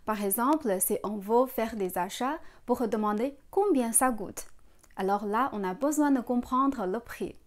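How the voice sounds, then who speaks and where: Woman teacher, patient and encouraging, slightly high voice, very slow delivery, soft music behind. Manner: patient, encouraging, coaching the viewer to repeat. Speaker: Chinese language teacher. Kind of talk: step-by-step pronunciation lesson.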